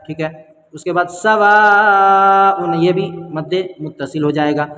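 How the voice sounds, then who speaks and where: A man teaching the rules of Quran reading, explaining step by step, asking and answering his own questions, and chanting the verses slowly. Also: fairly high pitch, steady tone, darkish tone, roomy sound, long reverb tail.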